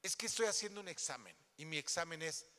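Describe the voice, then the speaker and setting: A man's voice: fairly high pitch, animated, fast, sharp tone. A man pastor preaching a sermon in a church, throwing questions at the congregation and acting out little scenes. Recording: long hall reverb.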